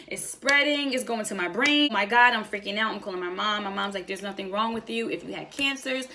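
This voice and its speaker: A young adult woman vlogger tells a personal story in a casual vlog style, acting out bits of conversation along the way. Her mid-range voice has vocal fry and a sharp tone.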